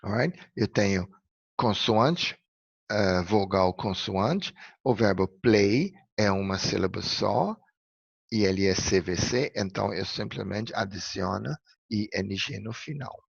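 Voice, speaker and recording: A Brazilian man gives an English lesson, explaining things patiently and step by step, often checking in with "ok?". His voice is low, gravelly and slightly husky. The dry recording sounds dull and a bit lo-fi.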